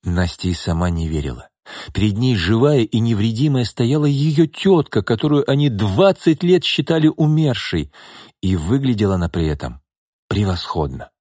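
A man narrating a dramatic audiobook in an expressive manner. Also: lowish voice, moderate pace, no echo, clean studio sound.

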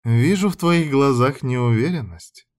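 Man playing a blonde woman, higher voice, teasing, drawling, sly. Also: unhurried, darkish tone, natural voice.

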